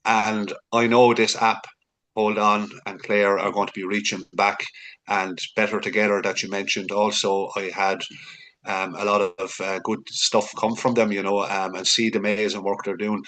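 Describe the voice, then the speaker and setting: A man with a somewhat low voice co-hosting a podcast. He speaks earnestly and encouragingly, often doubling up his words. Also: little pitch movement, normal speed, a bit bright. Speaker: podcast co-host. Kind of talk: casual podcast chat.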